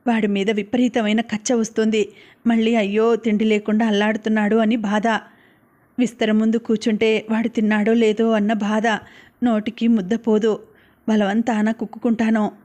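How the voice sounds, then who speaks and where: A woman voicing a grieving elderly grandmother who speaks in halting, tearful pleas. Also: a little high, level tone, mellow, lightly acted. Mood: sorrowful. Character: grieving elderly grandmother fretting over her son.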